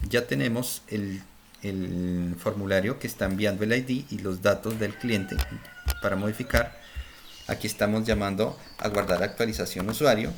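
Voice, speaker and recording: A man walks through a coding lesson in a lowish voice, narrating each step as he types and often checking that viewers follow. Keyboard typing and mouse clicks sit behind him, over clear background noise on a home recording. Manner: thinks aloud while typing, frequent "¿cierto?" check-ins. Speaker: programming instructor. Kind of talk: screen-recorded coding tutorial.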